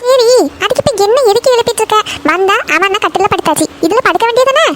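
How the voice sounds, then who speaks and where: A woman's voice: extremely high pitch, lively intonation, fast, heavy background noise. A woman voicing a tired young mother in a cartoon, who scolds her daughters and soothes her baby. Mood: scolding. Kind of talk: cartoon voice acting.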